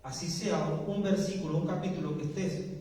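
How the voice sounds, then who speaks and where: A young man preaches earnestly, piling up emphatic lists. His voice sits a little high but sounds mellow. It carries through a reverberant church hall from a distant mic. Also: fairly even intonation, moderate pace. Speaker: pastor. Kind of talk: sermon.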